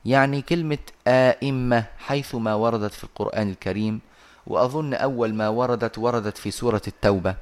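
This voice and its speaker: A man teaching Quran recitation over a video call, patiently explaining and slowly reciting verses. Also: mid-range voice.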